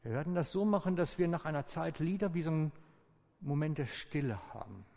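In a large church hall with long reverb, a male pastor preaches a calm, inviting sermon. His voice is gravelly and mellow with a fairly high pitch, and he slows down and pauses on purpose.

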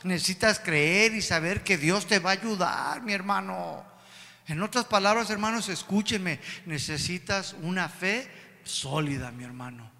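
A man delivers an emphatic sermon, calling again and again to his brothers. His voice sits high and has a sharp, forceful edge. It rings out with a long reverb, as in a large hall. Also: a little slow, gravelly. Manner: emphatic, keeps addressing the congregation as brothers. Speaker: preacher.

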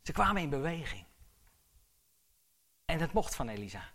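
A man's voice: fairly high pitch, big pitch swings, normal speed, vocal fry, fairly bright tone. A male pastor delivering a sermon, asking the congregation questions and building to urgent, emphatic exhortation.

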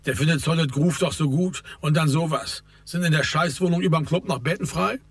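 Man doing a worked-up, grumbling club organizer, raised pitch, dry sound. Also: brisk, dry recording, lightly acted. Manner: worked-up, complaining.

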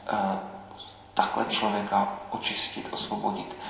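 A man giving a measured, reflective sermon as a priest, often pausing with hesitations. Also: on the low side, little pitch movement, creaky, a bit bright, slight background noise. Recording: echoey church hall, faint ambience.

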